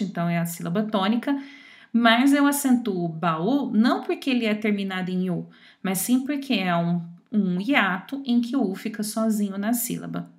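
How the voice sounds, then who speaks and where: A woman teacher explaining grammar rules step by step, often pausing to check that her students follow. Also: mid-range voice. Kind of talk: grammar lesson.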